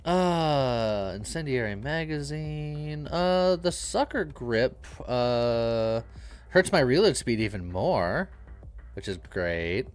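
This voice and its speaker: A man's voice: mid-range voice, animated, slow pace, clean tone, soft background music. Dry-humored male game streamer. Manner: dry, wry quips. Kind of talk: casual gameplay chat.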